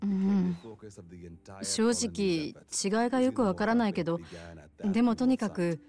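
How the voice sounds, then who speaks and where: A woman playing a gentle, worried and caring character in a video game drama, questioning softly. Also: medium pitch, unhurried, soft background music, natural voice. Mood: relieved, puzzled.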